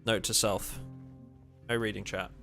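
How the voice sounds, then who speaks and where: A man's voice: lowish voice, flat delivery, a little slow, vocal fry, a bit bright, faint music behind. A man streaming a game live, talking casually and rambling to his chat as he plays.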